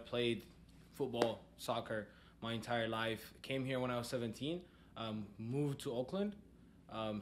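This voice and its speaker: A young man from Ethiopia, a soccer coach and podcast guest, talking casually with a lot of fillers. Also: lowish voice. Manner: relaxed, many fillers and "like". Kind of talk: casual conversation. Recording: faint background noise.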